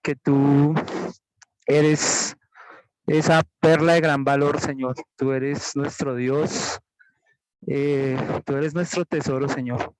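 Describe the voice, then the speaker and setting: A man saying a spontaneous closing prayer, halting and humble, repeating "Lord" between phrases. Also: fairly high pitch, level tone, a little hiss or hum, low-quality recording. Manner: halting, slow, repeats "Señor". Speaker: group member leading prayer.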